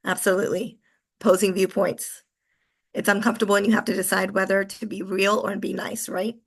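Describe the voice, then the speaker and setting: A woman in her forties, hoarse and coarse-voiced from illness, giving an upbeat, chatty online presentation over a video call with lots of fillers. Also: mid-range voice, little pitch movement, brisk. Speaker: webinar presenter.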